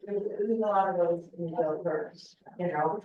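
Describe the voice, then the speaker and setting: A woman's voice: on the low side, measured pace, phone-quality sound. A chatty woman real estate agent trades small talk at a training event and often trails off with fillers. Her voice sits in a very echoey room. It is picked up from a distant mic under a faint hiss. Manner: chatty, hesitant, many fillers. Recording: roomy echo from a distant mic.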